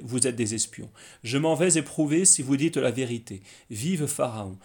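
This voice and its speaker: Male scripture reader, mid voice, measured storybook narration. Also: medium pitch, a little mellow. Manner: measured reading with small slips and restarts. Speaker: Bible reader.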